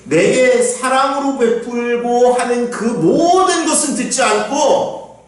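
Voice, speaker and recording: A man preaching a sermon as pastor, animated and acting out the voices he quotes. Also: very high voice, slow. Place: church sanctuary. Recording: echoey church hall, mic at a distance.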